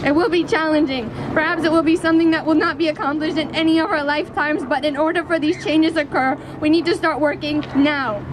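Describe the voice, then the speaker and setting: Woman activist doing a rally speech outside, really high voice, earnest n deliberate, traffic n city noise behind her. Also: fairly even intonation. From Canada. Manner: earnest, impassioned, deliberate oratory. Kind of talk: prepared public speech. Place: outdoors in a city square. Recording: outdoor public square with city traffic noise.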